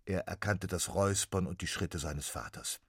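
A man narrating a children's storybook in an expressive, dramatic way. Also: low voice, moderate pace, breathy edge, dry recording, clean studio sound. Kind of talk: storybook reading.

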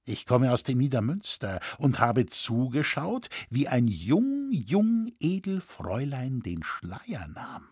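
A man voicing a gentle old woodcarver in a storybook reading, speaking raised and a little trembling. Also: mid-range voice, very animated, takes it slowly, hardly any pauses, slightly rough, no room sound, clean studio sound, heavily acted.

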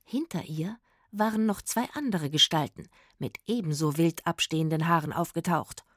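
A woman's voice: low-pitched, moderate pace, dry recording, studio quality. Woman narrating a children's story. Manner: lively storytelling.

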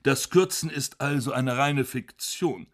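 A man of middle pitch reads literary prose aloud. His delivery is dry, ironic and measured. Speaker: narrator. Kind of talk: literary reading.

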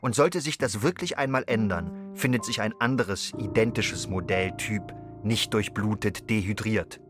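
A man voicing a brooding chorus figure in a radio play, with a low, declamatory voice. Music is clearly heard under him. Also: a little slow, lightly acted. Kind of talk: literary radio play narration.

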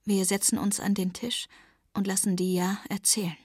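Woman narrator, audiobook, breathy, medium pitch, dry close sound. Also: level tone, moderate pace, darkish tone, dry recording. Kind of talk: first-person novel reading.

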